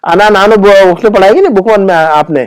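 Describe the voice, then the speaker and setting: A middle-aged man teaching a grammar class, explaining patiently, repeating himself and often checking that students follow. He recites word lists slowly and deliberately. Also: high voice, clean tone. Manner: patient, repetitive explaining with frequent checking questions. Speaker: Arabic teacher.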